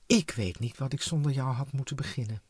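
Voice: medium pitch, fairly quick, a little mellow, slightly rough, no echo, close to an everyday voice. A storybook reader voicing King Blijhard, a clumsy, kindly king who talks in flustered exclamations. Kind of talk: storybook character voice.

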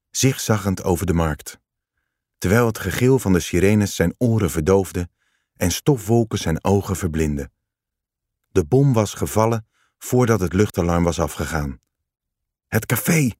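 A man reading a story aloud in calm, measured scripted narration. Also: low voice, dry recording, studio quality.

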